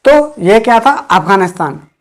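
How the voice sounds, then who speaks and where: A woman's voice: medium pitch, very animated. Woman teaching, repeating each point. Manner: repeats key points slowly, drilling with questions. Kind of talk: exam-prep history lecture.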